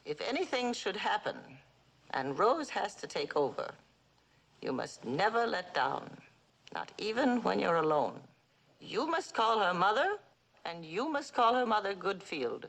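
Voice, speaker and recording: An imperious old mother, cutting and theatrical, her voice swinging widely in pitch from line to line. She speaks in a mid-height tone with the poise of a 1960s television drama, giving orders and sneering at her son. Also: big pitch swings, measured pace, a bit bright, heavily acted. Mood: insistent. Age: older. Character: imperious ailing older woman, scornful mother.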